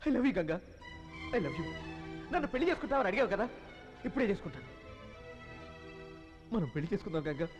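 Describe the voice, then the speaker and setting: A young hero pleading with dramatic earnestness in a dubbed film drama. His voice sits fairly high and moves through a wide, emotional range. A faint film score hums underneath. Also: sing-song, fairly quick, long pauses, soft background music.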